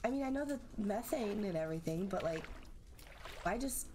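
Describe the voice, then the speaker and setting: A woman's voice: medium pitch, animated, moderate pace, mellow, a little hiss or hum. A woman giving nervous, chatty let's-play commentary, talking to herself as she plays. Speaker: gaming channel host.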